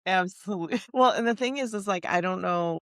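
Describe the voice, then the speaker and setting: A woman's voice: medium pitch, moderate pace, no echo, clean studio sound. A woman hosting a podcast in casual interview chat, chatty and agreeing, laughing along. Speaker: podcast host.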